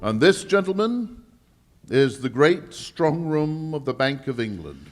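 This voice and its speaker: An actor playing a proud, easily exasperated English lord in charge of a bank vault, speaking formally in a 1940s radio drama style. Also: male voice, a little high, sing-song, faint music behind. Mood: formal explaining. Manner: emphatic, deliberate, formal, slightly halting. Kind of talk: 1940s radio drama acting, performed live.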